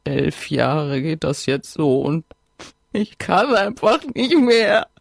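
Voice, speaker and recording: A woman's voice: deep voice, sing-song, takes it slowly, vocal fry, dry recording, clean studio sound, full character voice. A woman reader voicing a distraught young woman friend who sobs and despairs over being alone, in an audiobook. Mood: sobbing despair. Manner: tearful, despairing, wailing. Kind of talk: audiobook reading.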